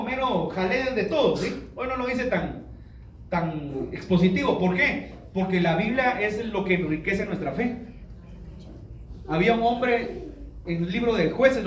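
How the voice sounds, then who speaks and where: A male pastor preaching a sermon and praying, emphatic and full of rhetorical questions. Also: high voice. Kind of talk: sermon and prayer. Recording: echoey room, from far off.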